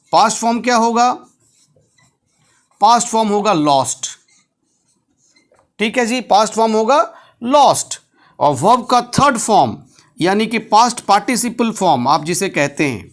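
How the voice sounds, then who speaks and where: Slow, lively high-voiced male English tutor. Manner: emphatic, repeats key words and asks rhetorical questions. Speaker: English teacher. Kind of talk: explanatory language lesson.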